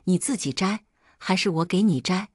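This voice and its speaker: A woman's voice: on the low side, normal speed, husky, dry recording, studio quality. A woman voicing a possessive, angry husband in a spoken drama, demanding and accusing.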